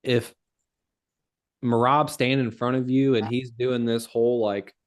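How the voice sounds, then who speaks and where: A man's voice: mid-range voice, steady tone, measured pace, clean tone. A man co-hosting a casual podcast, talking loosely and swearing freely as he rambles about fights. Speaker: podcast co-host.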